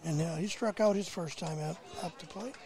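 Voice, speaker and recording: High, creaky-voiced male baseball color commentator. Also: brisk, a crowd in the background. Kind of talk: casual live sports commentary.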